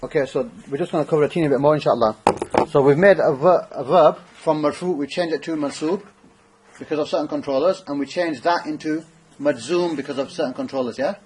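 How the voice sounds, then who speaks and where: A man's voice: on the high side, a little fast, darkish tone, a little hiss or hum, rough recording. A man teaching an Arabic grammar class, thinking aloud and checking in with his students. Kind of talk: classroom lesson.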